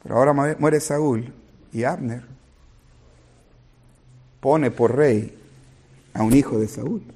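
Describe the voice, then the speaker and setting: A man preaches a sermon to his congregation, retelling a scripture story with quoted dialogue and addressing his listeners directly. His mid-range voice is slow and slightly rough, yet his delivery is animated, rising and falling.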